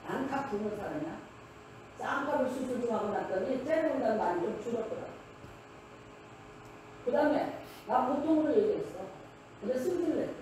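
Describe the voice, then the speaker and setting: A woman pastor preaches in a relaxed, joking way, telling stories from her own life. Her voice is mellow and heard from a distance in a church hall full of echo, with a faint hiss behind it. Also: a little high, fairly quick, long pauses. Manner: chatty, joking, tells personal anecdotes. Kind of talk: conversational sermon. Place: church sanctuary.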